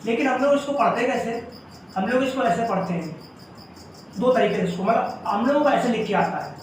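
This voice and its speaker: High-voiced man teaching, echoey room. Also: expressive, fairly quick, far from the mic, slight background noise. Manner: explains step by step, often says "ठीक है". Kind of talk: classroom grammar lesson.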